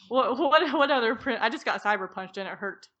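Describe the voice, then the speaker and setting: A young woman co-hosting a podcast in casual chat, giggly and excitable, with quick bursts of delight. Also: on the high side, muffled recording. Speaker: podcast co-host.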